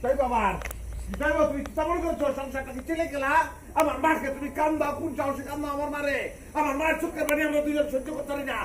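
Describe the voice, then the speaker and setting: A man playing a loud, protective grown son in a comic village drama, scolding and pleading in a Sylheti accent. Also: very high-pitched, steady tone, fast, slight background noise. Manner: loud, scolding, swings between shouting and pleading. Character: hot-headed grown son, loud and protective of his mother. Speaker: angry son defending his mother.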